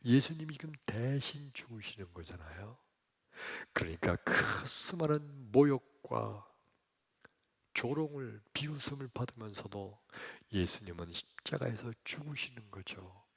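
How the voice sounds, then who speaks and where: A male pastor preaching a sermon in a church, dramatic, moving from hushed whispers to loud exclamations. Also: medium pitch, lively intonation, measured pace, creaky, breathy edge. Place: church sanctuary, streamed for online worship.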